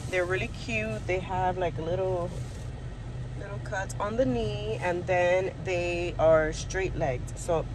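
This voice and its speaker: This is casual vlog chatter from a young American woman in a parked car, delivered slowly in a lowish voice with fairly even intonation. She films on a handheld phone at arm's length, with faint background noise in the recording.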